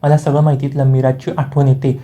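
A man's voice: mid-range voice, little pitch movement, a little fast, warm tone, natural voice. A man reading a needling younger sister. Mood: teasing. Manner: chiding, needling. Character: teasing younger sister, pushy.

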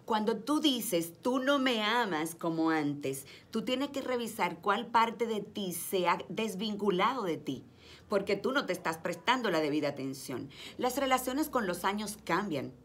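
Woman guest, calm advice-giver, speaks straight to the listener, mid-pitched. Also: moderate pace, slightly rough. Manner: calm, instructive, addresses listener directly. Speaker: guest counselor on love and relationships. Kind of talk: studio interview advice.

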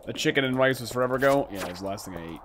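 A man's voice: mid-range voice, expressive, very fast, a bit bright, a little hiss or hum. A man chatting casually and teasing his co-op partner while streaming a farming game. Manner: joking, swearing, teasing banter. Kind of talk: casual co-op gameplay chat.

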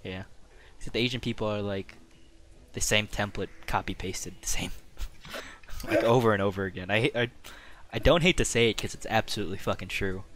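Lowish-voiced profane Midwestern guy. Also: a little fast, fairly bright tone. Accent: Midwestern American. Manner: joking, profane, laughs often. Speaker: gamer host. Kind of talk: casual gameplay chat.

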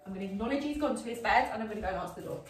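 A woman's voice: mid-range voice, expressive, very fast, background noise. A woman teaching dog training at home, chatty, often saying "um" and checking "okay?" as she explains each step. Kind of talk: instructional demonstration. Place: home indoors. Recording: echoey room, voice from a distance.

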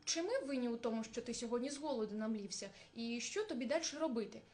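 A woman's voice: a little high, lively intonation, quick pace, a little mellow, lightly acted. A woman voicing a small, clever hare who speaks as politely as he can. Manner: polite, pleading.

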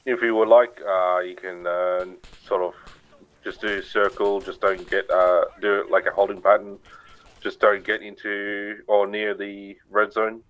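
A man's voice: on the low side, flat delivery, unhurried, a bit bright. A man giving hesitant, piecemeal instructions in casual radio talk during a military game. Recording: dull lo-fi voice-chat audio.

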